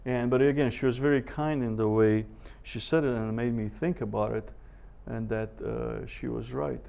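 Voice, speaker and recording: In a mid-range, mellow voice with vocal fry, a man teaches a Bible seminar as a professor. His tone stays steady as he speaks with measured, deliberate pauses, weaving in scripture quotations and rhetorical questions.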